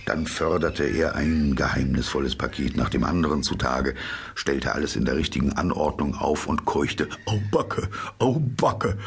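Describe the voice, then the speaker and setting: A man narrating a storybook in an expressive, animated way. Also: extremely low pitch, creaky, breathy edge. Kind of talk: storybook reading.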